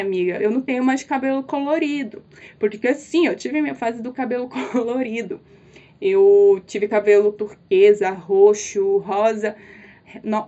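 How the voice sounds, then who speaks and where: A high-pitched woman chats through a personal story, lively and full of fillers. The recording sounds dull and lo-fi. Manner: chatty, animated, with laughs and fillers. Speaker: podcast host. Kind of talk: casual storytelling monologue.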